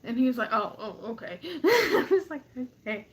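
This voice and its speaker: A woman's voice: fairly high pitch, big pitch swings, normal speed. A woman co-hosting a casual livestream chat, giggling often as she talks. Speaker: co-host.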